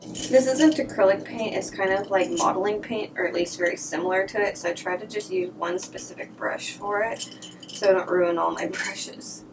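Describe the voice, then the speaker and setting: A woman casually chatting and thinking aloud while she works on art in a vlog, sometimes dropping to a soft whisper, a little sniffly. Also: mid-range voice, normal speed, distant mic, background noise. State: sniffly from allergies. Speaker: artist vlogger. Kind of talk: casual crafting vlog chat. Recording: voice a little off-mic, faint music behind.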